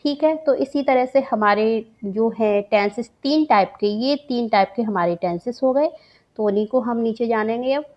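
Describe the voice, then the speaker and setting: A woman's voice: fairly high pitch, normal speed, muffled recording. A woman teaching grammar for an exam, patient and repeating each point while mixing English terms into her explanations. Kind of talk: exam-prep grammar lesson.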